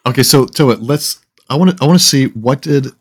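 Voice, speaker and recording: A man hosting a casual gaming podcast, talking in halting starts and reading listener lists aloud. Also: medium pitch, breathy edge. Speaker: podcast host.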